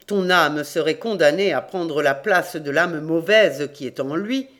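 A stern, knowing old country priest from a storybook, as the audiobook reader puts him on. He scolds and warns in a measured, slightly lowered voice. The pitch sits mid-range, and the lines are read plainly rather than acted out. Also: fairly bright tone, close to an everyday voice. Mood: admonishing. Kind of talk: audiobook character reading.

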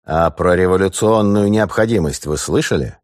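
A man's voice: low-pitched, normal speed, no room sound, studio quality, natural voice. A man doing a cold, sarcastic revolutionary official. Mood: coldly mocking. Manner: sarcastic and cold, then snapping.

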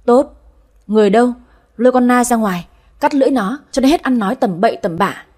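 A cold, stern young master of the house, read by a woman narrator, speaking in curt commands. Her husky voice stays fairly high for him. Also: a little fast, darkish tone, lightly acted.

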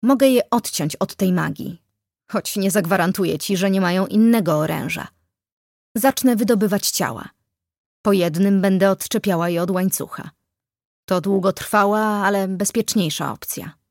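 A woman reading the part of a calm, methodical woman who works with death magic, speaking slowly and in a measured, matter-of-fact way. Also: mid-range voice, gravelly, no room sound, clean studio sound.

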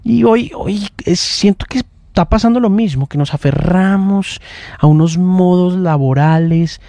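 Man, morning radio host, reflective, mellow tone, slightly raised pitch, dry studio sound. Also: a little slow, gravelly, no echo. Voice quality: talks in long, reflective runs with restarts. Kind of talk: casual morning radio chat.

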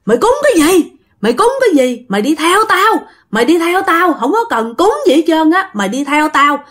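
A woman voicing an angry old male ghost who shouts threats, with a Southern Vietnamese accent. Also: high voice, very animated, brisk, pitched above the performer's own voice. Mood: furious. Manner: shouting, menacing, repetitive.

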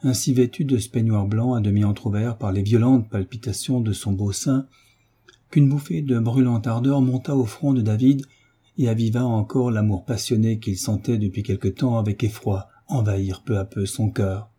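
This audiobook of a classic novel is read by a man whose fairly low voice carries a breathy edge. His delivery stays even and measured throughout.

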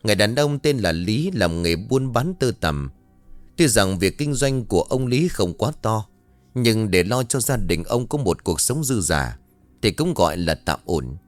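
A man narrating a ghost story in a dramatic, expressive scripted reading. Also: on the low side, unhurried, no echo, soft background music.

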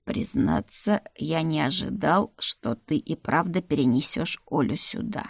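A woman reading an audiobook, voicing a calm male rector who is the heroine's older brother, with a low, measured and dry manner. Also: creaky, no echo, full character voice.

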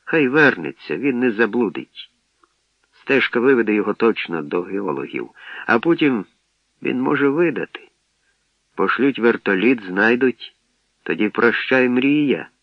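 A man narrating an audiobook in a calm, measured storytelling manner, on a dull lo-fi radio recording. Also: mid-range voice, dry recording.

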